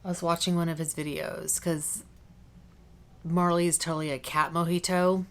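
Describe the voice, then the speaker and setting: A woman with a voice on the low side and a level tone talks at normal speed in a casual beauty vlog to the camera. Informal and chatty, she tends to drift off topic, and she's slightly congested with a cough drop lodged in her cheek.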